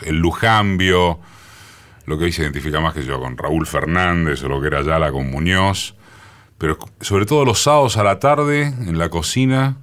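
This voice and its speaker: A man in his sixties with a Rioplatense accent and a booming, forceful deep voice, telling his story in a radio studio interview with many pauses. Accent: Rioplatense Spanish. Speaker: radio journalist guest. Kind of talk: reminiscing interview talk.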